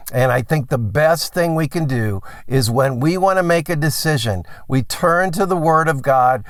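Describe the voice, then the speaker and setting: Male pastor, high-pitched, earnest devotional storyteller, dry close recording. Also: dry recording. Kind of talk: short devotional talk.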